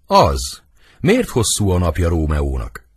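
Man reading loyal young nobleman, earnest, husky, lively pitch, audiobook drama. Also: no echo, heavily acted. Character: young nobleman Benvolio, Romeo's loyal friend.

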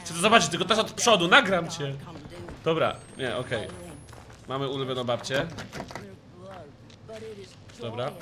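A young man giving live commentary on a horror game, yelping and shrieking when scared and muttering low in between. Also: moderate pace, pauses often, noisy background. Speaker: streamer.

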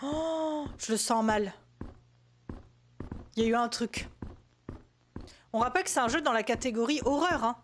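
French woman, gaming streamer, high voice, jumpy running commentary, faint hiss. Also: normal speed, pauses often. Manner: jumpy and talkative, reacting out loud. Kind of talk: casual let's-play commentary.

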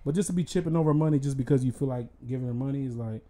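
A man's voice: mid-range voice, very fast, warm tone. A man co-hosting a podcast in casual chat, talking bluntly and emphatically and often repeating himself. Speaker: podcast co-host.

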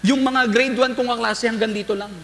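A man's voice: very high-pitched, fairly even intonation, a little fast, fairly bright tone, big-room sound. A male pastor preaching a sermon to his congregation, telling stories and often calling out to the listeners with questions. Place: large church sanctuary.

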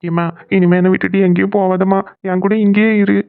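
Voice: mid-range voice, little pitch movement, quick pace, vocal fry, clear, resonant tone, no room sound, lightly acted. A performer voicing an emotional young cartoon husband. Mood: pleading. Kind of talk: animated cartoon voice acting. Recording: dry, phone-like narrow sound.

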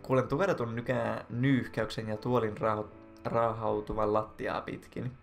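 A man reading a story game aloud and joking about it as host, sometimes pitching up for the characters' lines. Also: flat delivery, vocal fry, faint music behind. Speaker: let's play host.

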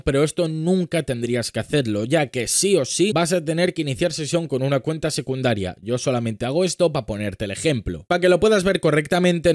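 Man, thirties, tutorial host, explanatory, talks straight to viewer, slightly high voice, dry close studio mic. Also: darkish tone, no echo. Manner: explanatory, addresses viewer directly, gestures with hands. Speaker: social media tutorial host. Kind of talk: screen-recorded tutorial walkthrough. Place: small home studio room. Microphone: studio microphone on boom arm.

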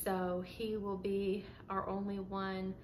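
Talking about her home interior, this woman rambles casually to a close, chest-height camera, tossing in "y'all" between frequent fillers and restarts. Her delivery is completely flat and slow, in a mid-range, darkish voice, with a little background noise.

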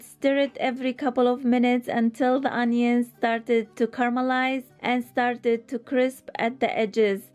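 Woman cooking channel host, slightly high voice, calm step by step recipe voice-over, bit of music behind. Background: soft background music.

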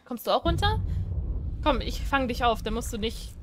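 A woman's voice: a little high, big pitch swings, normal speed, background noise. A woman giving casual let's-play commentary, chatty and jumpy, pleading and squealing when scared. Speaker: gaming streamer.

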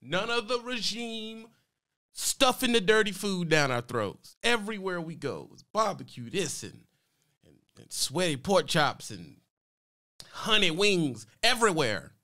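A man's voice: high voice, sing-song, unhurried, sharp tone. A man streaming, reacting to a clip and ranting heatedly, talking back at it and calling people bro and man. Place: home streaming room.

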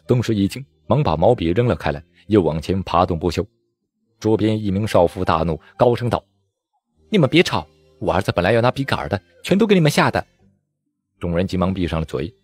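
A man narrating a novel audiobook with expressive storytelling. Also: fairly low pitch, husky.

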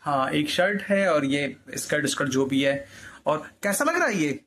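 A woman vlogging at home, gently coaxing her young daughter with sing-song questions. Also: sits low, very animated, normal speed. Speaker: family vlogger, mother.

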